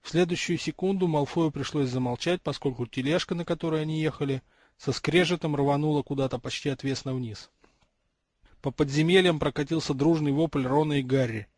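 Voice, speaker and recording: A man reading a fantasy audiobook aloud, with steady, expressive storytelling. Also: fairly high pitch, a little fast, no echo. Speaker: audiobook reader. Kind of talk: audiobook narration.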